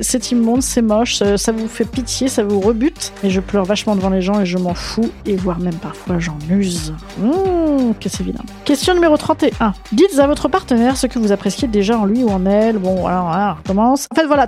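A woman, rambling through a questionnaire in a self-mocking, darkly joking way. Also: medium pitch. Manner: self-mocking, rambling, dark humor, reads questions aloud. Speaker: podcast host answering a questionnaire. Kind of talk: casual solo monologue.

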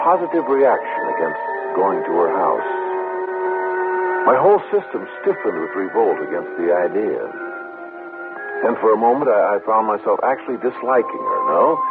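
Deep-voiced troubled man, old radio drama. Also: phone-quality sound. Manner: earnest, agitated, hesitant repetitions. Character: troubled, inwardly divided man confiding in his diary. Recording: old band-limited radio recording with music.

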